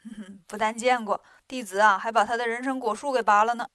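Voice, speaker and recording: A woman's voice: a little high, steady tone, fast, a bit bright, no echo, clean studio sound, natural voice. A woman voicing a cocky, boastful male monkey king who talks brashly and snorts at others. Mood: cheeky.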